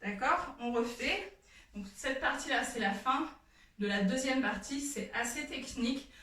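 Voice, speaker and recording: A woman with a high voice leads a belly dance lesson, counting out beats and explaining each move as she demonstrates. She talks at an unhurried pace, with chatty asides between counts. Her voice sounds distant and bounces around a very echoey room. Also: expressive, bright, forceful tone. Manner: demonstrating moves while talking, counts aloud, chatty asides. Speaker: dance teacher.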